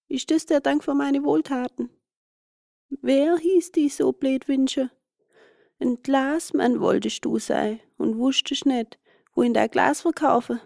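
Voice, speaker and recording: A woman's voice: high voice, creaky, dark tone, dry recording, clean studio sound, pitched above the performer's own voice, exaggerated voice. Woman putting on a scolding little glass forest spirit. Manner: scolding, indignant. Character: small grumpy male glass forest spirit.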